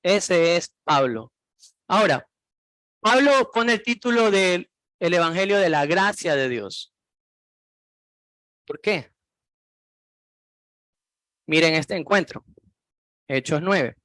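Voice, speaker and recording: A man's voice: high-pitched, lively intonation, slow pace, long pauses, fairly bright tone, no room sound. A man preaching a sermon as pastor, reading Bible verses aloud and putting many questions to the congregation.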